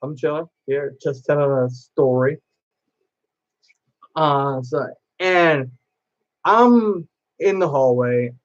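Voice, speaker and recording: Slow-talking man telling a story. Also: fairly high pitch, lo-fi sound. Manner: rambling and repetitive, with many restarts. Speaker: cosplay vlogger. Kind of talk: casual storytelling to camera.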